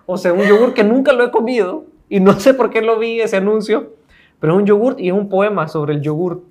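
A man's voice: sits high, a little fast, a little mellow. A man chatting casually as a co-host, informal and often agreeing. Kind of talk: casual chat.

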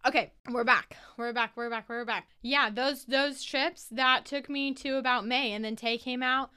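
Stoned young american girl just rambling casually, bright clean voice, swears a lot. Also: fairly high pitch, fairly even intonation, moderate pace, clean tone. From United States. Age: young adult. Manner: swears freely. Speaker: podcast host. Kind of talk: casual solo storytelling.

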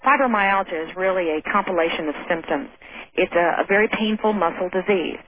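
A woman's voice: lowish voice, a little fast. A woman guest on a call-in radio show heard over the phone, speaking earnestly and firmly. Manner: earnest, firm, emphatic. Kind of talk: call-in radio advocacy talk. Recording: tinny phone line with faint noise.

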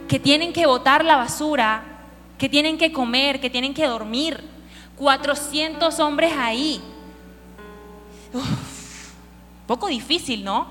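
Woman preacher, animated storyteller who questions the audience, echoing hall. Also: high voice. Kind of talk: sermon. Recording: hall reverb with faint music.

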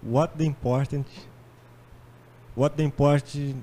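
Guy on a podcast talking really slow and unsure, faint hum behind. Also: fairly high pitch, steady tone, mellow. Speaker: podcast guest. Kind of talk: casual podcast chat.

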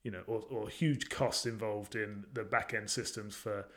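A man's voice: fairly low pitch, fairly even intonation, normal speed, fairly bright tone. A man in casual chat as a podcast co-host, asking thoughtful questions with many fillers and restarts.

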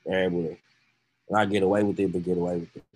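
A man speaking in a tentative, halting way in a casual discussion. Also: sits low, flat delivery, a little mellow, slightly rough, rough recording.

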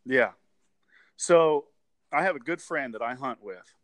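A man's voice: mid-range voice, lively intonation, unhurried, a bit bright, dry recording. A man in his forties, a guest on a casual interview, rambling and repeating words, with frequent laughs. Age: 40s.

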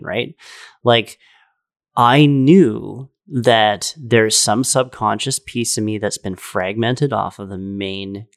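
Gravelly low-voiced man, earnest and rambling. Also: fairly bright tone. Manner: rambling and earnest, full of "like" and "right?". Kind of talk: casual spiritual storytelling.

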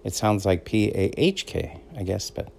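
A low, gravelly, darkish male voice, very animated at a normal speed, comes through with a little hiss or hum. The speaker is a middle-aged Boston-area podcast host with a Boston accent, wandering through his casual solo episode as an easygoing, conversational storyteller.

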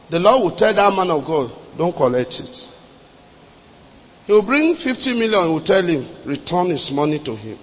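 A Nigerian-accented pastor preaches, telling a story and performing its dialogue, swinging from hushed to loud and slipping in some Yoruba. His voice is high-pitched with a breathy edge, and a large hall gives it a long echo.

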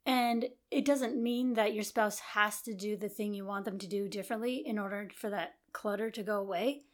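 A woman's voice: medium pitch, steady tone, moderate pace. A middle-aged woman co-hosting a casual marriage podcast, talking in a chatty, encouraging way. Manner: chatty and encouraging, with many affirming murmurs. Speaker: podcast co-host.

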